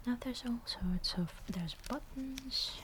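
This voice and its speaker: A woman's voice: a little high, takes it slowly, slight background noise. A woman whispering through an ASMR show-and-tell of a camera, hesitant and often searching for the right word. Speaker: ASMR host.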